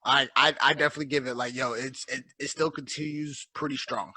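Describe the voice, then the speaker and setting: Fast, bright-voiced podcast host guy. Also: mid-range voice, steady tone, no room sound. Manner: friendly, insistent, says bro a lot. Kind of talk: casual chat.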